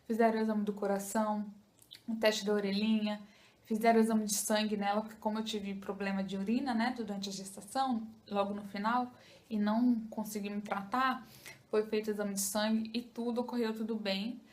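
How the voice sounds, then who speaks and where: A woman's voice: medium pitch, little pitch movement, a little fast, darkish tone. A young Brazilian woman, a first-time mother, talking casually to her viewers in a chatty way. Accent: Brazilian Portuguese. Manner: chatty, addresses viewers with "gente" and "tá?". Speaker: vlogger, new mother. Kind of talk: casual chat to camera.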